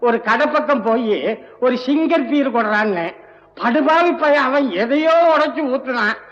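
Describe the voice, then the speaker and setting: A man's voice: very high voice, normal speed, fairly bright tone, in a large hall, dull audio. An actor playing a sheepish male patient who rambles through excuses, on an old film soundtrack.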